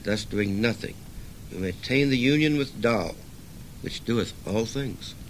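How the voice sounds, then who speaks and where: An older man reading the part of a calm, wise old sage who teaches stillness, in a gentle, instructive way. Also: medium pitch, a little slow, a little hiss or hum, lightly acted, poor audio.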